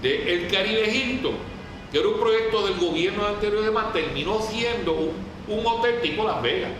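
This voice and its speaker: A lecturer with a Puerto Rican Caribbean Spanish accent gives a group an informal, didactic history talk in colloquial language, often putting questions to them. His voice sits high and moves at a moderate pace. The room is very echoey, the mic distant, and the noise clearly audible.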